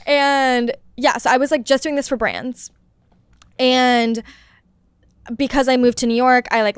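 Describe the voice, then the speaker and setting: A woman's voice: a little high, a bit bright, clean tone, dry recording. A young woman chatting casually as a podcast guest, with lots of "like" and frequent laughs. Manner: chatty, fillers of "like", laughs often. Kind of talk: casual chat.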